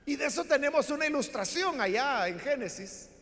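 A man preaching with a very high, lively voice that climbs and dips as he acts out a Bible story. His sermon rings with a long hall reverb. He talks to the congregation directly and explains as he goes. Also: a little fast. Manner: animated storytelling, acting out voices in Bible stories.

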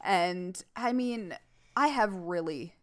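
A woman co-hosting a podcast, chatting casually at home with wry, deadpan humor. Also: fairly low pitch, slow. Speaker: podcast co-host. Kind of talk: casual chat.

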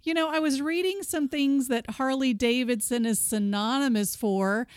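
A woman's voice: sits high, fairly even intonation, moderate pace, smooth, no echo, clean studio sound. A woman co-hosting a podcast in casual chat, upbeat and chatty, steering the conversation. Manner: chatty, upbeat, leads the topics. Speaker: podcast co-host.

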